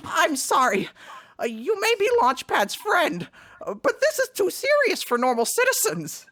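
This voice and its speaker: A woman's voice: very high-pitched, huge pitch swings, measured pace, a bit bright, voice pushed up, heavily acted. A woman voicing Fenton, an anxious, earnest male duck accountant, flustered and hesitant, in a live comic dub. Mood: urgent.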